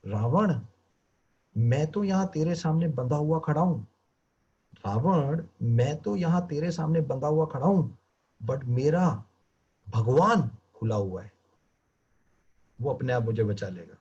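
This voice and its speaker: A bound monkey god answers his captor with steady, fearless defiance, as a man voices him. The voice is husky and a little high, and it comes through a dull, lo-fi line. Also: slow, pauses often, full character voice. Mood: serene. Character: calm devoted bound male monkey god. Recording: muffled lo-fi video call audio.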